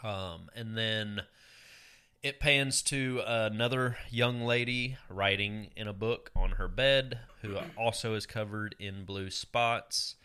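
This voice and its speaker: Bright-voiced man chatting casually. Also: fairly low pitch, takes it slowly, smooth. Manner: relaxed, hesitant, many fillers. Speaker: podcast co-host. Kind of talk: casual chat.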